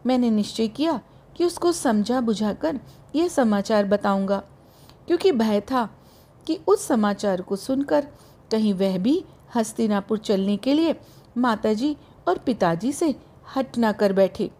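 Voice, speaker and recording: Woman reading a novel aloud, slow and careful, kinda high voice. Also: lively intonation, dark tone. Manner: slow, measured, literary reading. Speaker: audiobook narrator. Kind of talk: scripted audiobook narration.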